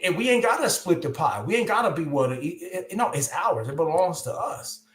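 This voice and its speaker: A man's voice: sits high, big pitch swings, a little fast, a bit bright. A man with a Californian accent, chatting casually on a music podcast, telling stories in a laid-back way with plenty of slang. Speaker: co-host. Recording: roomy echo.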